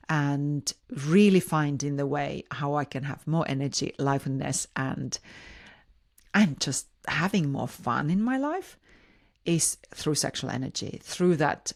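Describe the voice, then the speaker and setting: Speaking on her own in an informal podcast, a Finnish woman with a low voice and vocal fry keeps stopping to rephrase herself. She comes across as hesitant, often repeating words partway through a sentence.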